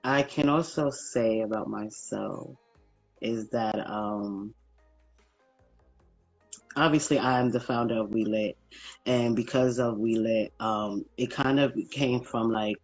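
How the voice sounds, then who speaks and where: A man from Brooklyn with a New York accent, a guest talking haltingly with many ums and likes in a casual livestream interview. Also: fairly low pitch, soft background music, rough recording. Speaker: guest, small business founder. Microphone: phone livestream.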